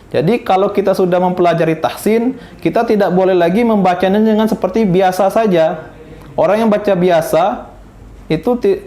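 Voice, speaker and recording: A male teacher from Indonesia giving a recitation lesson, speaking slowly and patiently and drilling each letter sound again and again. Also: high-pitched, a little mellow. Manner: slow, patient, repeats each syllable for practice.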